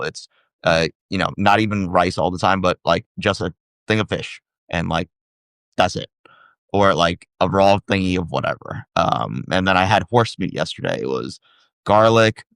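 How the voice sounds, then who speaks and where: A man with a notably deep, low voice, talking in a loose, rambling way. He hedges and fills gaps with "like" and "um" as he shares his impressions. The recording is dry and close, with no room sound. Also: a bit bright, no room sound. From United States. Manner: rambling, hedging, lots of "like" and "um". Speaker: traveler sharing impressions. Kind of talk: casual conversational chat.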